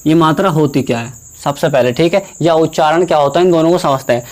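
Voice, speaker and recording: The voice here belongs to a young male teacher, fairly high-pitched and a little mellow, leading a Hindi grammar lesson. He asks the class questions and answers them, repeats key terms, and draws vowel sounds out slowly to illustrate them.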